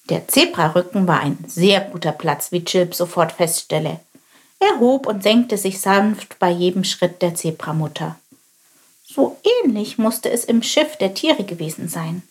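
A woman reading a children's storybook aloud in a lively, expressive way. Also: fairly low pitch, unhurried. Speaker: narrator.

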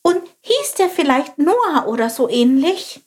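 A woman voicing a curious, excitable little male sparrow who asks eager questions. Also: high voice, measured pace, pitched above the performer's own voice.

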